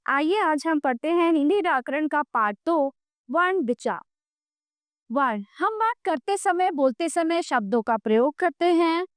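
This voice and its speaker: A woman with a high, bright voice teaches a grammar lesson to young children. She goes patiently, often stopping to check that they follow, and spells out sounds slowly one at a time. The recording is dry and close, with no room sound. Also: dry recording.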